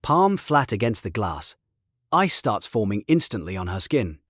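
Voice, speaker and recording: A man narrating a story in short, clipped, terse sentences with a husky voice. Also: fairly low pitch, sing-song, a little slow, fairly bright tone, no echo, studio quality.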